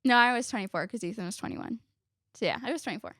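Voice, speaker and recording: A woman's voice: fairly high pitch, lively intonation, fast, fairly bright tone, no room sound, studio quality. A woman in her twenties, a guest on a family podcast, chatting casually and laughing often, sometimes backtracking mid-sentence. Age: 20s.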